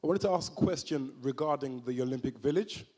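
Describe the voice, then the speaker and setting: Mellow-voiced man reporter. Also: mid-range voice, quick pace. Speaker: journalist. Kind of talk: asking a press question.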